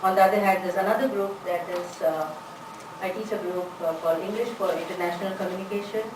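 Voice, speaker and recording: An English teacher presents a conference talk on language teaching, chatty and peppered with "you know." Her mid-range voice is steady and fast, picked up by a distant mic in an echoey, large conference room with background noise.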